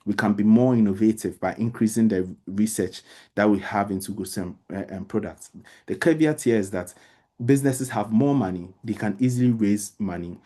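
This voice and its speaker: A man's voice: on the low side, mellow. A man teaching as a debate trainer in an informal explanatory lecture, repeating phrases for emphasis and speaking directly to his listeners. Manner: addresses listeners directly with everyday examples.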